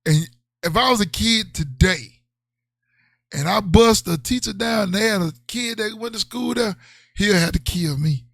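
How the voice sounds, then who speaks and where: A man's voice: high voice, animated, moderate pace, vocal fry, fairly bright tone, no echo, clean studio sound. A man co-hosting a podcast in casual chat, joking and acting out silly scenarios in put-on voices. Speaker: podcast co-host.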